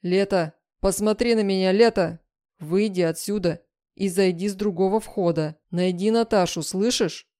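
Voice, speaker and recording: A woman's voice: mid-range voice, moderate pace, natural voice. A woman voicing a brave wounded man, protective. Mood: urgent. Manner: urgent commanding shouts.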